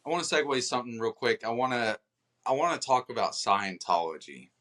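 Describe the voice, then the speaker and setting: Young male co-host, bright forceful tone, animated casual storyteller on a call. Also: mid-range voice, brisk. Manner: animated storytelling, mimics people he quotes. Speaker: podcast co-host. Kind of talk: casual chat. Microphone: video call.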